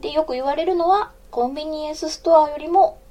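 Woman around forty, Kansai accent, mellow tone; chatty, giggly live-stream host who greets listeners mid-story. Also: high-pitched, fast. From Osaka. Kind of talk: casual live radio chat, reading listener comments.

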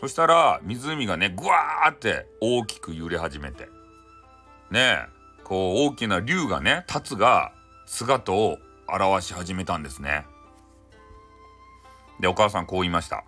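A storyteller with a Hakata accent retells a folktale in a chatty, informal, humorous way, full of tag particles. His low voice is sing-song and unhurried, with a bright, forceful tone. Music plays behind him as a bed.

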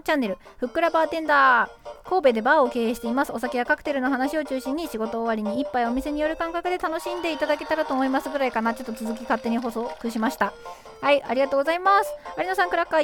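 A woman hosting a casual live stream, playfully reading listener comments aloud and quipping back at them. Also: high-pitched. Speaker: livestream host. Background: background music.

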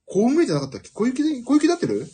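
A man's voice: very high voice, huge pitch swings, very fast, mellow, husky. A man hosting a casual solo talk show, rambling from one thought to the next and laughing at his own jokes. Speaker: podcast host.

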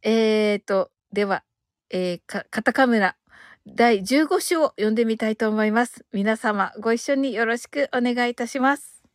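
A woman's voice: fairly high pitch, normal speed, dry recording, clean studio sound. A woman hosting a live audio broadcast in casual chat, bubbly and laughing often as she reads out listener comments.

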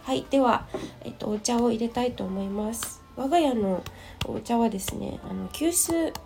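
A woman with a hoarse, gravelly just-woken voice, hosting a casual solo audio diary in a polite, rambling way, thinking aloud. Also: on the high side, normal speed, over music. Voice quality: gravelly, croaky morning voice. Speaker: host of a personal audio show and tea and clay teacher. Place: at home. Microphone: smartphone.

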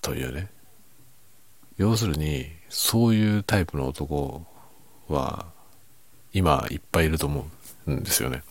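A man chatting casually and quietly by himself late at night, musing and giving his opinions in a low-key way with softened sentence endings. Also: unhurried, long pauses, no echo. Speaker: writer chatting as host.

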